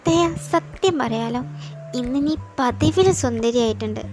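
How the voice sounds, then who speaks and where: A woman voicing a chatty young woman classmate in an amateur audio drama, talking in a brisk, teasing way. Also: on the high side, expressive. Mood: flattering. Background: background music.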